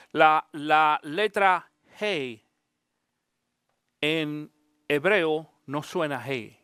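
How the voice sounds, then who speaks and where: A man, a pastor, giving an animated Bible teaching, often asking his listeners direct questions. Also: a little high, clean tone, no echo, clean studio sound.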